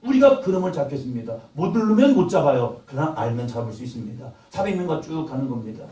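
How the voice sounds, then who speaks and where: Male pastor mid-sermon, lively swooping pitch, heard from off-mic in a reverberant church. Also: fast talker, distant mic. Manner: impassioned preaching, acts out God's voice with sudden loud rises. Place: church sanctuary.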